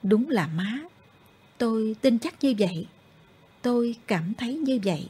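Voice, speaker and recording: A woman reading a story aloud in a gentle, expressive way, over soft background music. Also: on the high side, unhurried, slightly rough. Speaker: audiobook narrator. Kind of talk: storybook narration.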